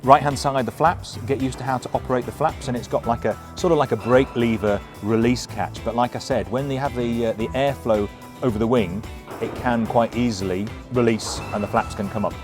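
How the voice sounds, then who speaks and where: A middle-aged or older man giving an informal, hands-on briefing as a flight instructor, explaining in a halting, self-correcting way. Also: medium pitch, fairly even intonation, over music.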